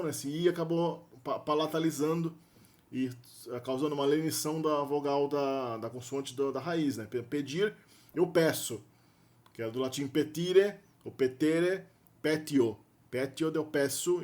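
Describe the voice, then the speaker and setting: A man's voice: fairly high pitch, darkish tone. A man with a Brazilian Portuguese accent giving an unscripted linguistics lecture, thinking aloud with restarts and frequent question tags. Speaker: linguistics video presenter.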